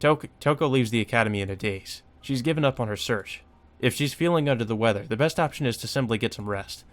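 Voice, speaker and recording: With game music in the background, a mid-range-voiced let's play host moves quickly through visual novel narration. He sprinkles in casual side comments, now and then swearing.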